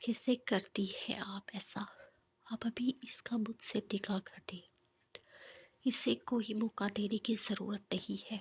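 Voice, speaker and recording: A woman's voice: medium pitch, steady tone, husky. A woman voicing an angry, threatening young man in a whispered role-play from a novel reading. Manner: shouting accusations, menacing.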